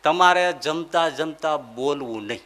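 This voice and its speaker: A man voicing a calm holy master. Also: on the high side, unhurried, voice pushed down. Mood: calm firm.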